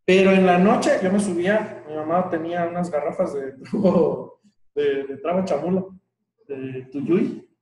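A man's voice: on the high side, measured pace, a little mellow. A man with a Mexican accent leading a group workshop in a casual, chatty way, laughing now and then between remarks. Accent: Mexican Spanish. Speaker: workshop leader. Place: indoor room with a group. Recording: echoey room, distant mic.

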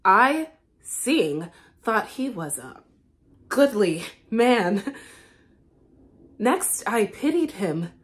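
A young woman playing a lovesick jailer's daughter in a comedic classical stage monologue, with theatrical pauses and swells. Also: medium pitch, very animated. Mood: smitten. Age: young adult. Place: indoor studio with plain backdrop.

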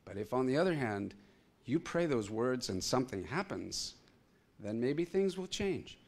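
A man preaching a sermon, telling a story with animated, acted-out quotes. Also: medium pitch, measured pace. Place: church.

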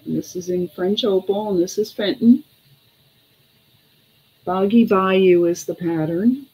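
Heard on a rough recording, a middle-aged woman with a husky, dark, mid-range voice hosts an informal live online sale of vintage glass. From her small home room she chats between bids and prices, relaxed and pausing often.

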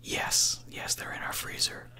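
A man in his thirties chatting casually on the phone in a breathy ASMR whisper, close to a desktop microphone in a small room. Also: a little slow, pushed and bright. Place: small room indoors at home. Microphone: close desktop condenser microphone.

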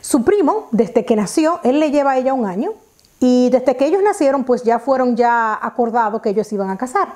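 A woman's voice: high voice, brisk. Chatty Dominican woman vlogging at home. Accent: Dominican Spanish. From Dominican Republic. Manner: chatty, animated hand gestures, many fillers and restarts. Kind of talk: casual storytelling to camera. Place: living room at home, indoors. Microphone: lapel mic.

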